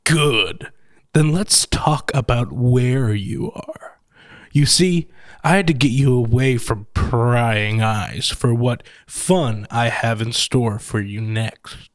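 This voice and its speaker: In an audio horror story, a male actor plays a gloating, sardonic killer who collects machines, delivering mocking, theatrically polite menace. His voice is natural and medium-pitched, and he speaks slowly.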